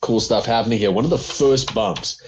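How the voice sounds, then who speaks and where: A man's voice: medium pitch, normal speed, slight background noise. A man co-hosting a casual wrestling review podcast, rambling with lots of fillers and laughs. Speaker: podcast co-host.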